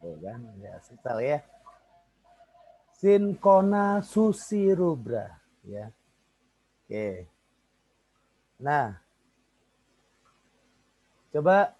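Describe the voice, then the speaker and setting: Guy lecturing online, slow and careful, dry close sound. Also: on the low side, expressive, slightly rough, no room sound, low-quality recording. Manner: drills students, calling on them by name. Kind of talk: online class teaching.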